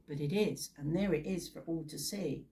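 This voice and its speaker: A British woman tells Bible stories in a chatty, informal style, throwing in theatrical asides and rhetorical questions. Her voice is low-pitched and warm, and she speaks at a normal speed.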